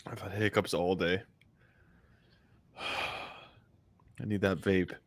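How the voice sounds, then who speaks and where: Slow, low-voiced man joking on the side. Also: little pitch movement. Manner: laid-back, joking asides. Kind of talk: casual chat.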